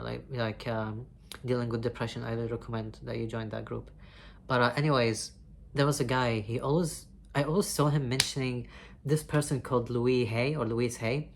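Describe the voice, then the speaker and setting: Vlogger, candid confessional monologue, rambling, heartfelt, swears freely, mid-range pitch, faint background hiss. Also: steady tone, moderate pace, vocal fry.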